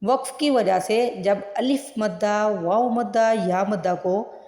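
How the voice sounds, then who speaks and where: A woman teaching Quran recitation word by word. She draws each word out slowly and then explains it in plain speech. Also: medium pitch, warm tone. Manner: slow drawn-out recitation between plain explanations. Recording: echoey room with long reverb.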